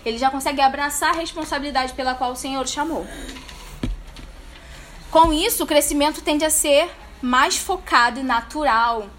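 Woman pastor preaching to a live crowd, high bright voice, playful, talks right at them. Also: normal speed, slight background noise. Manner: lively, playful, talks straight to the audience. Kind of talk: sermon at a church leadership meeting. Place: church meeting room with a live audience.

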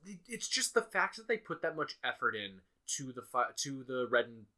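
A young man with a very bright, sharp voice at an ordinary pitch. He talks in a loose, reflective way as a co-host. He often stops and restarts a thought mid-sentence. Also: very animated, normal speed. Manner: reflective, self-correcting, frequent restarts. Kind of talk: casual chat about video games.

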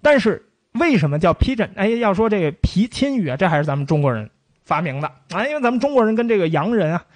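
A man giving a casual spoken history lecture, telling it in a lively way and playfully imitating old pronunciations. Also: high-pitched, quick pace, no echo.

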